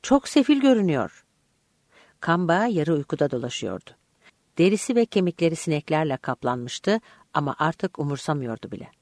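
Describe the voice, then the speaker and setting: An audiobook narrator reading a first-person story aloud in an expressive, vivid way. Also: mid-range voice, a little fast, no room sound, clean studio sound.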